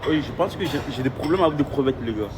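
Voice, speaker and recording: A man's voice: medium pitch, lively intonation, fast talker. Street-slang man, noisy street. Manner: French suburb street slang, repeats phrases. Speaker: vlogger. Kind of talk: casual street slang vlog chat. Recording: noisy outdoor phone video, traffic.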